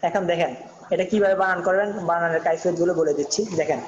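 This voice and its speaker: Man, high voice, patient teacher, repeats phrases, letter drills, dull reverberant call audio. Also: very fast, slight background noise. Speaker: Quran recitation teacher. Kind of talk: online tajweed lesson. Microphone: video call.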